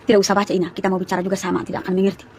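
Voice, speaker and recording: A young woman from East Nusa Tenggara, Indonesia, hosts a casual phone livestream in a Kupang Malay accent, greeting viewers by name and laughing often. Her mid-range voice is a little mellow with little pitch movement, and she talks very fast over slight background noise.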